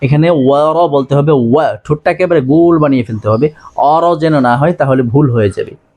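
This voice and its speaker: A man teaching Quran recitation, chanting each phrase slowly and melodically, then briskly explaining pronunciation in between. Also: mid-range voice, a little mellow. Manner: drawn-out melodic recitation, repeated line by line. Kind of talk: slow recitation lesson with Bangla explanations.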